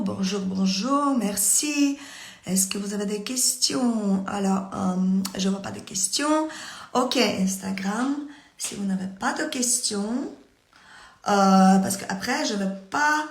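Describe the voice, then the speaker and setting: Woman English teacher on a live stream, halting delivery, roomy laptop-mic sound. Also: fairly high pitch. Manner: halting, many fillers and restarts. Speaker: English teacher coaching parents.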